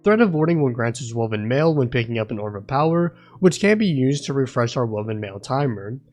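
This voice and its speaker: A man reading a scripted voice-over walkthrough in a steady, explanatory way. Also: mid-range voice, a little fast. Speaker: video game guide creator.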